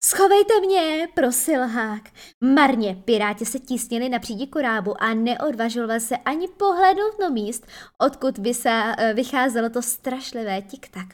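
A woman reading a children's story aloud in a lively, expressive way. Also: a little high.

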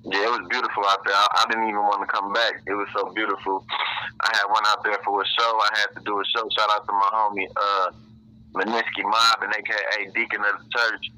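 A rapper from Illinois, USA, appears as an interview guest, talking in laid-back, loose street slang and laughing often. His voice is on the low side with a flat delivery, a sharp tone, and a slightly fast pace, in a rough recording.

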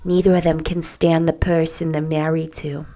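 A worldly young gossip from a storybook, played by a woman narrator. She confides eagerly and emphatically, with a very animated melody to her speech. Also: mid-range voice, normal speed. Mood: confiding.

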